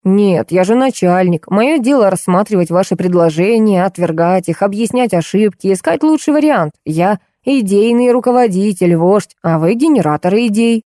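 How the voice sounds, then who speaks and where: A woman's voice: mid-range voice, lively intonation, normal speed, few pauses, mellow, no echo, clean studio sound, natural voice. A woman reading the lines of a pompous, bossy middle-aged police colonel in an audiobook. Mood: commanding. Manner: pompous commanding.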